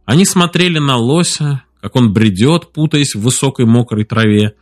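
A man narrating an audiobook in a measured, steady reading voice. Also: mid-range voice, soft background music. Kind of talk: scripted narration.

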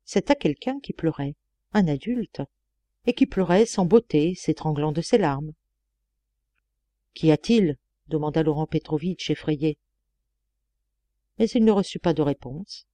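Mellow-voiced woman reading an audiobook. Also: low voice, expressive, measured pace, no echo. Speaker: audiobook reader. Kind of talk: literary audiobook narration.

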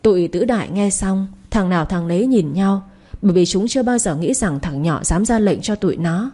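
Female narrator for a gritty audio story, husky and dark, carries every role herself. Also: medium pitch, expressive, normal speed. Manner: voices every character herself, rough and angry for the thugs.

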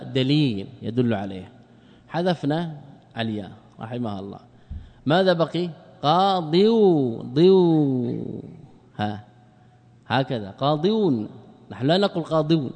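Lecturing on Arabic grammar with a long reverb tail behind him, a man speaks in a fairly high, darkish voice. He poses rhetorical questions and answers them, slowing to spell out word forms.

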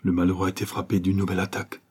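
Man voicing a firm, commanding gentleman. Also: fairly low pitch, moderate pace, breathy edge. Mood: hushed. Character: composed gentleman, firm and decisive.

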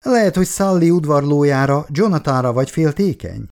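A man voicing a middle-aged wife who chatters anxiously and coaxingly about her family, his voice lifted higher for her. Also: expressive, a little mellow. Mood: fretful chatter.

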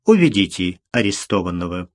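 A man reading a stern old judge, flat and formal. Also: low-pitched, brisk, pitched below the performer's own voice. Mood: cold. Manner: level, formal. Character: stern older male judge passing sentence.

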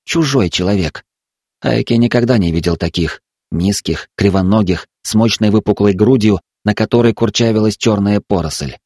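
A man narrating a dramatic story in a measured reading. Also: lowish voice, darkish tone, dry recording, clean studio sound.

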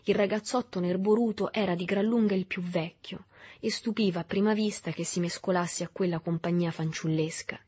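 A woman reading a literary novel aloud in a measured, even storytelling manner. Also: fairly low pitch, breathy edge. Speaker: audiobook reader. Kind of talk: literary audiobook narration.

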